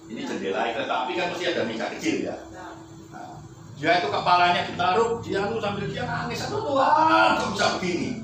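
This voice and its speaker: High-voiced preacher in a hall. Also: male voice, far from the mic, background noise. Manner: animated, addresses the congregation often. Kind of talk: storytelling sermon. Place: large echoey church hall. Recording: echoey hall, off-mic.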